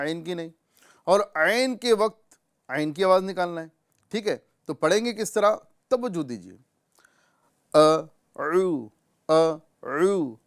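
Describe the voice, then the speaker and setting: Smooth-voiced Pakistani Urdu recitation teacher. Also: male voice, a little high. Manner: explains patiently, repeats sounds slowly and drawn out. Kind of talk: tajweed lesson with recitation examples.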